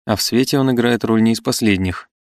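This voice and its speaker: A man's voice: medium pitch, a little fast, no echo, studio quality, lightly acted. A man reading the part of a modest young male tutor, courteous and deferential. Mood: polite.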